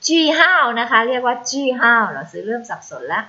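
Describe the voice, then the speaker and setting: Thai-accented woman, primary Chinese teacher, bright higher voice, patient and repetitive, lo-fi recording. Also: big pitch swings. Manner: patient, repeats words slowly for pupils to copy. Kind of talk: recorded online lesson. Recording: slightly dull lo-fi recording.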